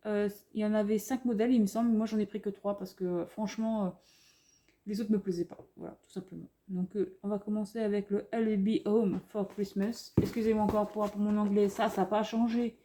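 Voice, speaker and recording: A French woman rambles happily through a haul in front of a camera on a tripod, gushing over every cute item. Her voice is mellow and soft-edged, full of fillers and restarts. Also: medium pitch, fairly even intonation, a little fast. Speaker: craft vlogger showing a haul. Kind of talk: casual haul commentary.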